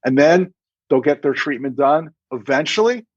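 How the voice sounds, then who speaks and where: This dentist and practice coach, a middle-aged man, guests on a podcast and offers lively, conversational advice with anecdotes and acted-out imagined exchanges. His voice sits on the high side and is slightly rough, with lively intonation and a normal pace. The audio is dry and muffled.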